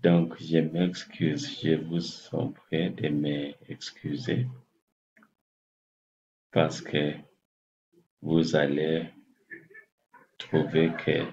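A health channel host in his forties, a native English speaker with a Kenyan accent, addresses a laptop webcam casually from his desk in a small room, speaking slowly and haltingly as he searches for words. His bass voice is gravelly and darkish with little pitch movement, and the webcam audio is muffled and lo-fi.

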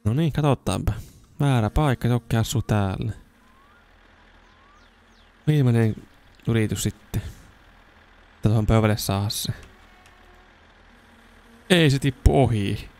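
A young man with a fairly low voice talks through a video game in casual let's-play style. He chats to himself as he plays and breaks into excited shouting when something works, recorded close on a desk microphone. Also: pauses often. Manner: chatty, talks to himself while playing, bursts into excited shouts. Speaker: gaming YouTuber.

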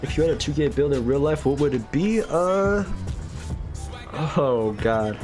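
A man's voice: mid-range voice, a little fast. A man streaming a video game and chatting casually in a slangy, hyped gamer bro manner. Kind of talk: casual gaming livestream chat. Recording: music playing behind. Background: music.

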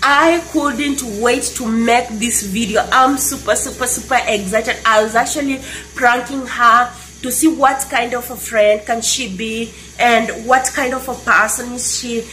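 Gushing, excitable young woman. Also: fairly high pitch, a little slow, rough recording. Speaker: vlogger. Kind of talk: casual vlog talk to camera. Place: indoors at night.

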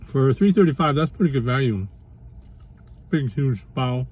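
A man hosting a casual food vlog and cooking demo, speaking easygoing and pausing often with "uh" as he explains. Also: mid-range voice, expressive, a little mellow. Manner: easygoing, frequent "uh" pauses while explaining. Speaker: food vlogger.

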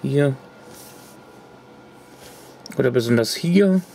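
A man with a mid-range, mellow voice speaks slowly and expressively, with slight background noise. He's a retro computer hobbyist showing a corroded circuit card to the camera at his home workbench, rambling casually with restarts and fillers in a show-and-tell vlog.

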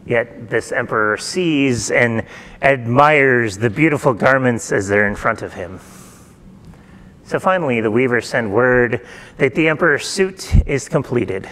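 A middle-aged man preaching a sermon in a church, retelling a folktale in a relaxed, conversational way and asking the congregation questions. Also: medium pitch, a little slow. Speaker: pastor. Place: church sanctuary.

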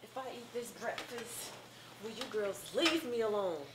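An actress playing a withdrawn, tired hip-hop artist who talks in a flat, dismissive way. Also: female voice, a little high, measured pace, reverberant, noisy background. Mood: weary. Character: weary, withdrawn woman, hip-hop artist shutting people out.

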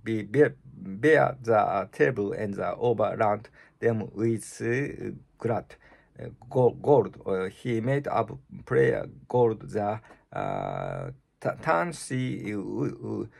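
Slow, gravelly man with a Japanese accent. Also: lowish voice, big pitch swings, darkish tone. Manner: halting, stumbling reading with many restarts and fillers. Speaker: channel host reading scripture. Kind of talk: reading the Bible aloud in English.

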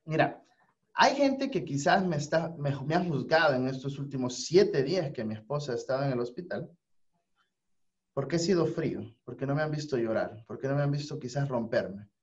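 A man's voice: medium pitch, lively intonation, moderate pace. A man hosting a radio talk, speaking in an earnest, preacher-like way about faith and support. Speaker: radio host. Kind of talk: casual spiritual talk. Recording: dull lo-fi audio.

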